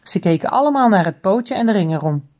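A woman reading a children's book aloud, chapter by chapter, in an expressive storytelling voice. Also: mid-range voice, quick pace.

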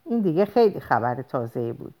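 A woman's voice: low voice, big pitch swings, a little mellow. A woman narrating an audiobook in a first-person voice, reading expressively and lifting her voice for the dialogue. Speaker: audiobook reader.

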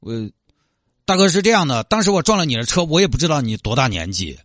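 A man's voice: a little high, sing-song, quick pace, fairly bright tone, dry recording, clean studio sound, faint music behind. A man voicing a sheepish young man who hit a car, hesitant and apologetic.

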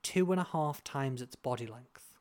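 Guy cohosting a podcast, mid-pitched, keen and jokey. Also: normal speed. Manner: enthusiastic, joking, explains facts. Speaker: podcast co-host. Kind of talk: casual podcast chat.

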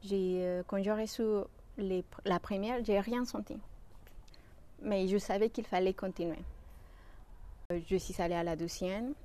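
Mellow Mexican-accented woman, hesitant. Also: medium pitch, fairly even intonation, measured pace, long pauses. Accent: Mexican Spanish. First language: Spanish. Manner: hesitant, many fillers and restarts. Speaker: shiatsu practitioner. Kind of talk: interview answers.

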